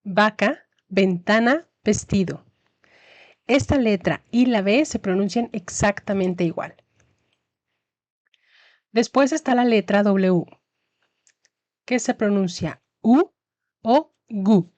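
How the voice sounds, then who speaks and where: A woman's voice: mid-range voice, darkish tone, dry recording. A woman teaching Spanish in a scripted lesson narration, carefully pronouncing each example word. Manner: slow, careful enunciation of example words.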